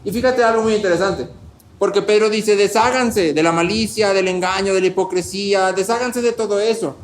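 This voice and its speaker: A man preaching a sermon as a pastor, animated, asking rhetorical questions and swinging between soft and loud delivery. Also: high-pitched, a little fast.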